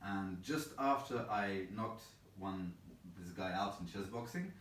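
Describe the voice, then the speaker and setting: Low-voiced man, rambling and thoughtful. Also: a little slow, a bit bright. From England. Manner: rambling and thoughtful, many fillers, self-deprecating. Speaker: interview guest, chess boxer. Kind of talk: casual interview answers. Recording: roomy, distant, faint background noise.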